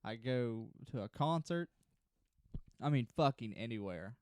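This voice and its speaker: A man's voice: medium pitch, animated, a little slow, clean tone, no echo. A man co-hosting a casual podcast, telling rambling, laid-back anecdotes. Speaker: podcast co-host.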